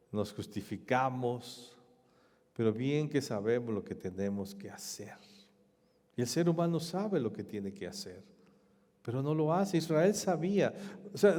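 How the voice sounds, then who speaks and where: Emphatic preaching man, high mellow voice. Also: big-room sound. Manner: emphatic preaching with rhetorical questions and swings between loud and soft. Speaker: pastor. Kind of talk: sermon.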